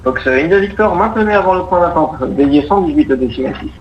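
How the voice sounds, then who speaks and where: A man's voice: fairly high pitch, expressive, fairly quick. A man working as an air traffic controller, giving procedural, courteous instructions and explanations over the radio. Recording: muffled roomy radio audio, faint noise.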